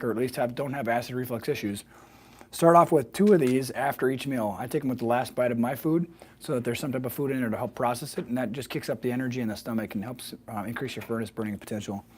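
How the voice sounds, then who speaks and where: A man with a slightly hoarse, froggy voice explaining wellness informally as a presenter on a live video, often adding small check-in questions. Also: medium pitch, a little mellow. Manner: fluent, explanatory, often checks with "right?" and "okay?". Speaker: health practitioner hosting a weekly wellness video.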